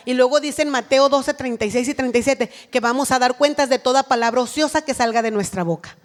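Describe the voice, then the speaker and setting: A woman's voice: high voice, big-room sound. A woman giving an earnest sermon at a women's church retreat, acting out what a mother says to her child.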